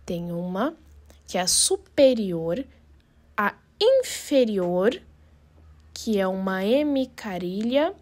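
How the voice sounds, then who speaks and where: An anatomy teacher with a Brazilian Portuguese accent walks through an informal narrated lesson step by step, repeating and recapping points and slipping Spanish terms into her Portuguese. Her mid-range, darkish voice swings widely in pitch, and she speaks slowly with many pauses.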